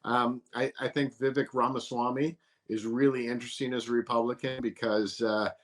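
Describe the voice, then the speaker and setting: A man who is an author, answering interview questions in a measured, hesitant way with many fillers. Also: medium pitch, flat delivery. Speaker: author guest.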